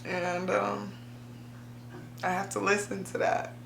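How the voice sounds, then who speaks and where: A woman from Ohio talks to her vlog audience about faith, unhurried and halting, often pausing to gather herself near tears. Her voice has a gravelly fry under a bright, forward tone. The room around her is roomy and echoing, with a faint hiss behind. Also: medium pitch, level tone. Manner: slow, halting, many pauses and fillers, soft. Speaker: vlogger. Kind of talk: reflective faith talk to camera.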